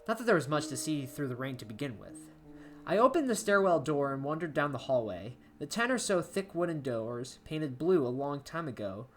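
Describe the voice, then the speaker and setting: An amateur horror story reader, a woman with a low voice, narrates a creepy first-person tale. Her delivery is dramatic, with pitch varying widely and phrase endings fading to a hush, while soft plucked guitar plays in the background.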